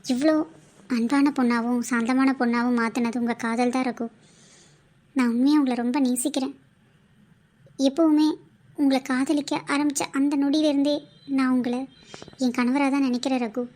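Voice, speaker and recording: A woman voicing an anxious, devoted young woman in love in a cartoon, speaking in a soft, heartfelt, pleading way. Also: high-pitched, fairly even intonation, normal speed, long pauses, close to an everyday voice. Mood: tender. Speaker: voice actor. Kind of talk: cartoon voice acting.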